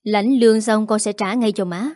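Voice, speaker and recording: A weary young husband, torn between wife and mother, answers irritably and tries to soothe, played by a woman reading a story. The voice stays mid-pitched in a dry, close sound. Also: steady tone, normal speed, darkish tone, no room sound, natural voice. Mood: strained.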